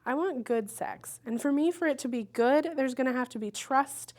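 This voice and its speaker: A woman's voice: high voice, normal speed, a little mellow. A woman in her thirties giving frank, self-mocking interview answers and laughing often.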